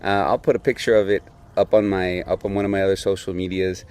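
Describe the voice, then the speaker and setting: A young adult man casually telling a story as a beer podcast host, animated, laughing often and acting out quotes. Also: sits low, fast talker, clear, resonant tone.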